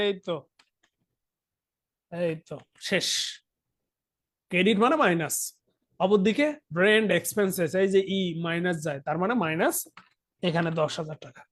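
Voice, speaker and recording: High-voiced Bangladeshi Bengali tutor. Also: male voice, moderate pace, long pauses. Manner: talks directly to students, asks frequent check questions. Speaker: accounting tutor. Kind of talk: online lesson, explaining while writing on a tablet.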